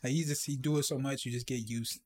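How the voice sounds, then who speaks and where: A man co-hosting a podcast in casual chat, relaxed and rambling, laughing often. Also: medium pitch, fast. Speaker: podcast co-host.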